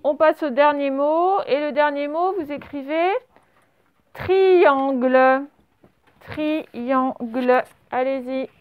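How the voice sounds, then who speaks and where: A high-pitched woman gives a classroom dictation to primary pupils at normal speed with hardly any pauses, splitting words into syllables and spelling them out letter by letter. The slightly dull, lo-fi recording has no room sound.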